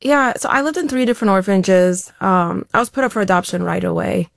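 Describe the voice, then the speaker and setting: A woman with a gravelly, mid-range voice speaks briskly in clean studio sound with no room sound. As an elite athlete guest, she answers interview questions reflectively and openly, often restarting her sentences.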